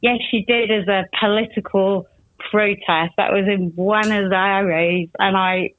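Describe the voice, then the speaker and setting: A woman's voice: mid-range voice, fairly even intonation, measured pace, dry recording. A woman telling chatty stories as a guest on a podcast interview. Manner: chatty storyteller. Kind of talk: casual interview chat. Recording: tinny phone line, dry.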